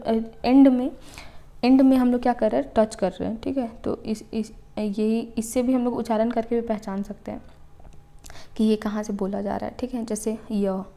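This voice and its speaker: Woman teaching letters, mellow voice. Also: a little high. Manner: explains step by step, repeating "ठीक है" to check understanding; sounds out letters slowly for pronunciation. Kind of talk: exam-prep Hindi grammar lesson.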